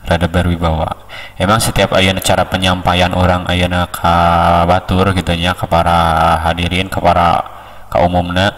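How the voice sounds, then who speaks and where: A man with a Sundanese accent giving a slow, unhurried, casual tutorial on how to deliver a sermon. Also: deep voice, monotone, fairly bright tone, long reverb tail, recorded from a distance. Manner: slow, unhurried, with many pauses. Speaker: speech coach.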